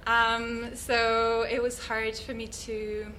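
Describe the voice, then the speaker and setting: A woman's voice: on the high side, monotone, slow, sharp tone, a little hiss or hum, poor audio. Earnest woman telling her story. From Switzerland. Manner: earnest, thoughtful, searching for words. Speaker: guest, yoga teacher. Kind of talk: reflective personal storytelling.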